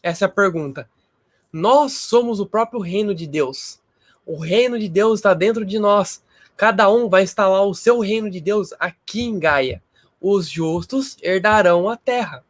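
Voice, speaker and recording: A man's voice: high-pitched, unhurried, no room sound. A man hosting a spiritual livestream, teaching casually and emphatically and repeating himself.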